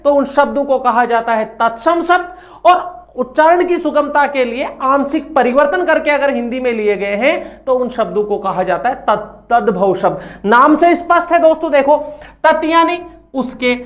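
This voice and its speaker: Man, high voice, teacher, explains from slides, answers his own questions. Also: a bit bright. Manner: asks questions and answers them himself; has students repeat words after him. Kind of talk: Hindi grammar lesson with slides.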